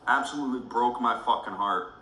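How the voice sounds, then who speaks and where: Man, furious livestream rant, heavy swearing, bright voice, echoey room. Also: mid-range voice, brisk, a little hiss or hum. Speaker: livestream host.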